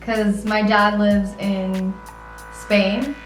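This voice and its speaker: A woman's voice: medium pitch, level tone, very slow. A woman in her twenties chatting casually on a vlog, rambling with lots of "like" and restarts. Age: 20s. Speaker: vlog co-host answering questions. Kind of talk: casual chat. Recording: roomy echo, mic at a distance, music behind.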